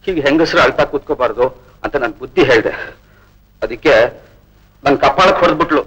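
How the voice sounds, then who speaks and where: An actor playing a kind, humble young male helper in an old Indian film drama, speaking gently and consolingly. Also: a little high, expressive, brisk, close to an everyday voice, poor audio. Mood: soothing.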